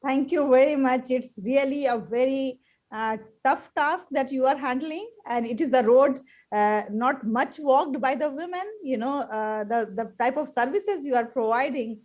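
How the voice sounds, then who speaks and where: Formal woman show host, a little high. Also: measured pace, a little mellow. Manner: formal, ceremonious welcomes.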